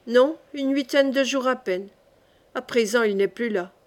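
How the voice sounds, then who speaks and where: A sleepy, suspicious young maid, read by a woman, gives curt, guarded answers. The voice sits a little high. It comes from an audiobook reading. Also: a little slow, a little mellow, lightly acted. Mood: wary. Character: young female servant, sleepy and wary.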